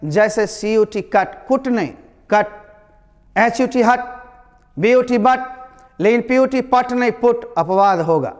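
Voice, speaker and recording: Slow, high-voiced teacher. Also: male voice. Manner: explains slowly, repeats words, addresses students as "my children". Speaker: English pronunciation teacher. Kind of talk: classroom lesson. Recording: long reverb.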